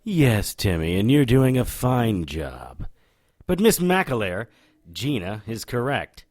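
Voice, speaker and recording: A man voices a cocky, wisecracking occult private investigator in a noir-style audio drama, wry and irreverent, moving between dialogue and first-person narration with a cocky, probing mood. His mid-range voice swings widely in pitch, slow and somewhat dark.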